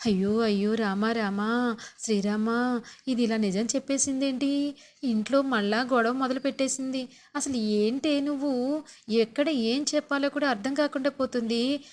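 A woman's voice: on the high side, fairly even intonation, moderate pace, darkish tone, natural voice. A woman voicing a young wife who panics, breaking off her words in fluster. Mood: panicked.

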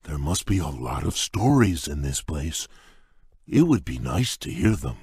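Gentle male beast prince, very deep husky rumble, slow bashful delivery, dry studio sound. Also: big pitch swings, dry recording, full character voice. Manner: halting, bashful, gentle, with hesitant fillers. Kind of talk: game voice clips.

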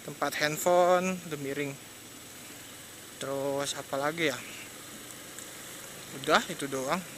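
A young man with a Jakarta accent rambling casually and hesitantly while riding a motorbike at night, through an action-cam mic. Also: on the high side. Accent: Jakarta Indonesian. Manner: slangy, hesitant, chatty, laughs often. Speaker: motovlogger. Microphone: external mic on a helmet action cam. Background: traffic and engine noise.

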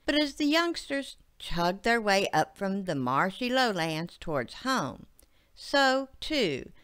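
A woman narrating a literary short story in a measured, expressive way. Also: medium pitch. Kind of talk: audiobook narration.

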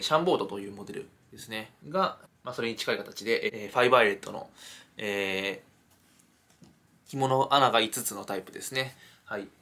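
A man's voice: mid-range voice, a bit bright. A man giving an unscripted product explanation in a polite manner, in short, hesitant pieces. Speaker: shoe shop presenter. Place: indoors in a small shoe shop.

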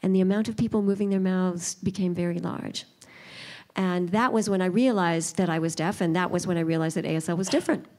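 A woman interpreting sign language aloud, speaking a signer's story in first person as a live voice-over in a calm, measured way. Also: lowish voice. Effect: live spoken interpretation voicing signed speech.

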